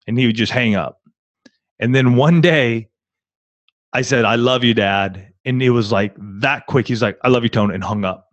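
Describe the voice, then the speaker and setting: A man's voice: medium pitch, a little slow, no room sound, highs cut off. A man co-hosting a live online marriage coaching session, telling a personal story earnestly and often repeating his words.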